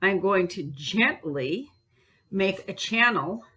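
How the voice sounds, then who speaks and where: There's a little hiss or hum on the recording of this art teacher's bookbinding demonstration. Her mid-range voice is bright, forceful and animated at a slow pace, and she chats encouragingly through each step, humming and singing as she works.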